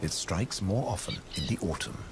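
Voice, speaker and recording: A man reading scripted nature documentary narration in a measured way, with dramatic pauses for emphasis. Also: low-pitched, lively intonation, noisy background. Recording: loud music under studio narration. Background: prominent music.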